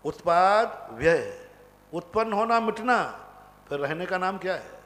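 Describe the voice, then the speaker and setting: A man, a Jain monk from India, teaching a scripture class, explaining step by step with rhetorical questions and chanting sutra lines slowly. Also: high voice, lively intonation, pushed and bright, long reverb tail.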